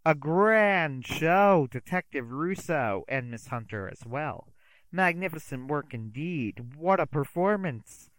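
Smug, theatrical magician villain, voiced by a man; pompous showman delivery, a bit higher and brighter than the narrator. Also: expressive, slow pace, no room sound, rough recording.

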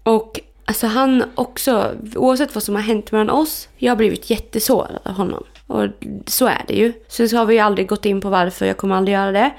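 A woman chats casually on a podcast, with a gravelly, creaky edge to her voice. She tells stories animatedly and slips into the voices of the people she quotes. Her pitch sits in a middle range. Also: hardly any pauses. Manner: animated storytelling, acts out quoted dialogue. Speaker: podcast co-host. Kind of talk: casual chat.

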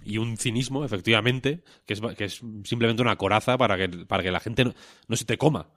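A man's voice: fairly low pitch, fast talker, a bit bright, no echo, studio quality. A man in his thirties, chatting casually on a podcast in a rambling, self-mocking way and swearing freely. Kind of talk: casual chat.

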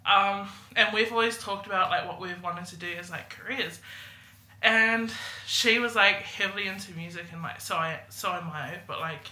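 A woman's voice: mid-range voice, normal speed, pushed and bright. A young woman from New Zealand, a podcast guest chatting casually and giggling as she tells a story. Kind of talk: casual chat. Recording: echoey room.

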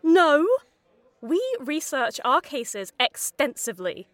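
A vain, self-important podcaster, played by a woman, smug and haughty, with a fairly high voice that swings widely. The sound is close and dry, with no room around it. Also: very animated, normal speed, a bit bright, no echo. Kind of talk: fiction podcast drama.

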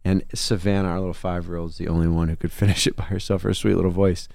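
A man's voice: sits low, flat delivery, quick pace, gravelly, a little mellow, dry recording, clean studio sound. A man, a songwriter and musician, in a conversational interview, telling a personal story in an earnest, reflective way. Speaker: guest.

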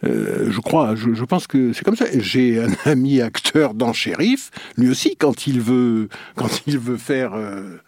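A man, a dubbing actor, talking as a guest in a casual interview, animated but often restarting his sentences. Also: mid-range voice, a little slow, hardly any pauses, dry recording, studio quality. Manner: hesitant, many repeated starts, animated storytelling.

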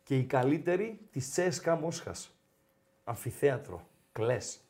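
A man hosting a casual sports podcast, telling stories in an animated, teasing way. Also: medium pitch.

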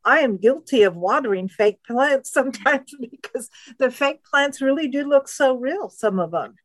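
A woman's voice: sits high, animated, moderate pace. A woman co-hosting a video call interview, candid and chatty with frequent "you know.". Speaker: co-host. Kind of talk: casual interview chat.

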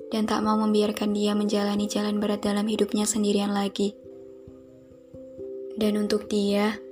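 A young woman hosting a podcast, speaking a slow, soft and heartfelt reflective monologue. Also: medium pitch. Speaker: podcast host. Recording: music playing behind the voice.

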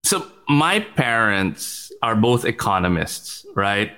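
Laughing, quick-talking man. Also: lowish voice, very animated, pushed and bright. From Philippines. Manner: quick, laughing, repeats words, mixes in Filipino. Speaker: guest, startup executive. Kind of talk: casual interview chat.

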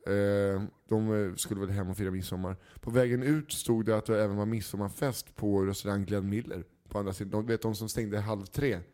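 A man's voice: on the low side, hardly any pauses. A man in casual chat, telling a story and acting out the people in it with changing voices. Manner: animated anecdote teller, acts out quoted people.

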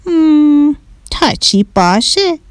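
Give me a clever, blunt little mouse inventor from a children's storybook, voiced by a woman, lively and offhand. Dry close recording. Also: high-pitched, no echo, pitched above the performer's own voice. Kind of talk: storybook narration.

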